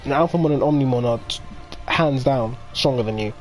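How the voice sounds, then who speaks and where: A man commenting on a game playthrough in an excitable, rambling way. His voice sits at a middle pitch, with soft game music underneath. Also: a little fast. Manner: excitable, rambling fan talk. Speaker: gaming video host. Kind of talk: casual let's play commentary.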